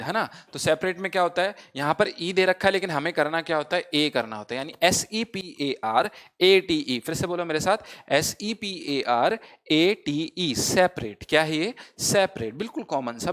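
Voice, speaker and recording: Hindi-speaking teacher spelling words aloud. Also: male voice, fairly high pitch, a bit bright, dry recording. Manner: drills spelling letter by letter, asks and repeats answers; mixes Hindi and English. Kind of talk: online vocabulary lesson.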